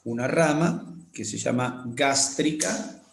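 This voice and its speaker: A man lecturing on anatomy, explaining slowly, repeating key terms and often checking that students follow. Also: medium pitch, vocal fry. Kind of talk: classroom lecture with drawing demonstrations. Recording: echoey room.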